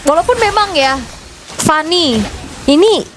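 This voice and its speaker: A woman's voice: extremely high pitch, lively intonation, a little slow, noisy background. A woman with an Indonesian accent gives chatty, conversational analysis as a live esports commentator, repeating words for emphasis. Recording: music behind the voice.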